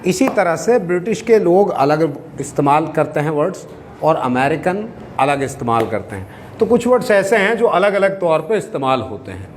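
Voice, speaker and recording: A man teaching English to a class, explaining slowly with repeated examples and questions to the students. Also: fairly high pitch, slight background noise. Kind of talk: classroom lecture.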